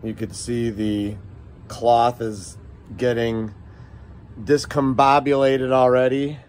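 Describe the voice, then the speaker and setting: A man's voice: medium pitch, flat delivery, slow, a little mellow, slight background noise. A middle-aged man running a casual product demo vlog, rambling and folksy as he talks viewers through shot results. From United States. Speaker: shop owner demoing airguns.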